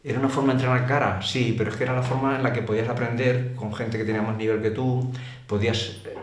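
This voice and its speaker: An older former racer with a Spain Spanish accent chats away as an interview guest, telling anecdotes in colloquial, exclamatory speech. His mid-range voice moves fast with fairly even intonation. The room is echoey, and background noise is clearly audible.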